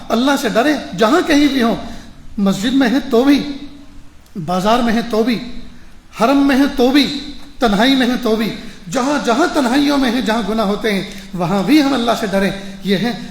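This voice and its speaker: A man's voice: extremely high pitch, echoey room, a little hiss or hum, rough recording. A man, a maulana, preaching a sermon through a moral story, emphatic and repeating phrases for stress. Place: mosque.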